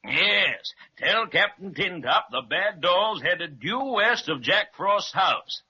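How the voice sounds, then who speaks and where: An actor playing a kindly, fatherly old Santa Claus in a 1930s radio serial, hearty and reassuring, with a husky edge on a muffled old recording. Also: high voice, expressive, slow pace, pushed and bright, heavily acted. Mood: jolly. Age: older.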